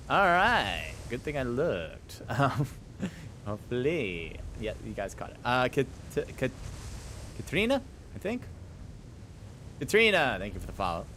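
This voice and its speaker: An esports caster runs a live gaming stream, chatting and commenting in a loose, rambling, self-mocking way. His medium-pitched voice swings widely in pitch at a measured pace, with a sharp edge. Music plays underneath, along with a faint hiss or hum.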